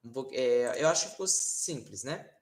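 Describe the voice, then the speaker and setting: A man's voice: mid-range voice, expressive. Brazilian man, informal language teacher, patient filler-heavy explaining, roomy sound. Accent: Brazilian Portuguese. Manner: informal, explains slowly with many fillers and tag questions. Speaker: Latin teacher. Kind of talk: casual online lesson. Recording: roomy echo.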